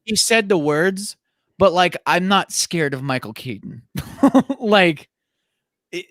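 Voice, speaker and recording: A man's voice: high voice, lively intonation, slow pace, no room sound, studio quality. A young man co-hosting a casual movie review podcast, chatty, with lots of "like" fillers. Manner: chatty, many "like" fillers, mimics characters in a loud voice. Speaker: podcast co-host.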